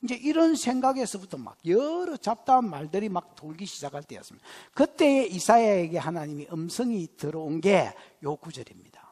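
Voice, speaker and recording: Middle-aged pastor guy, gyeongsang dialect, husky voice swinging all over, big reverb hall. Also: high-pitched, fairly quick, hardly any pauses. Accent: Gyeongsang Korean dialect. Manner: animated, joking storyteller who teases the congregation. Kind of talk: sermon with personal stories. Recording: long church hall reverb.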